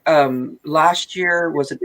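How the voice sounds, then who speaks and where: A woman co-hosting a writing livestream, chatting casually and quick to laugh. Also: low-pitched, a bit bright, no echo, rough recording. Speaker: co-host on a writing stream.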